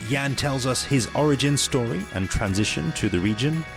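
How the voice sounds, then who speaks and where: Podcast host guy reading the intro off a script, smooth, soft music under it. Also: medium pitch, lively intonation, normal speed.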